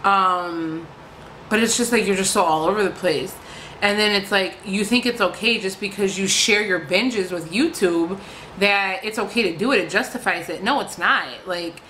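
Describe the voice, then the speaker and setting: A woman's voice: mid-range voice, bright, forceful tone, a little hiss or hum, rough recording. A woman vlogger ranting casually to camera, frustrated, swearing freely and filling her talk with "like".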